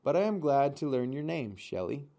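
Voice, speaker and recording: Guy reading as a calm robot mom, polite and even, bit gravelly. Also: medium pitch, moderate pace. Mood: gentle. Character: calm, kind female robot mother, formal.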